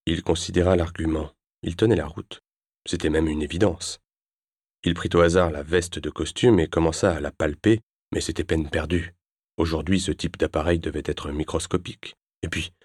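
A male audiobook narrator with a very low voice, reading in a measured, even way. The sound is dry and close, with no room echo. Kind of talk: scripted narration.

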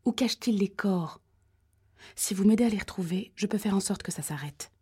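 Narrator doing a tense lady investigator, steady and pushy, kinda husky, audiobook. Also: medium pitch, normal speed. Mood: insistent. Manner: steady, insistent. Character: tense female investigator, calm but pressing.

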